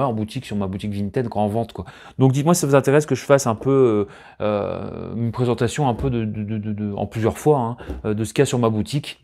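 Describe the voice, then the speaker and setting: A man in casual unboxing chat as a collector vlogger, rambling and chatty, often searching for words, with bursts of excited emphasis. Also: fairly low pitch.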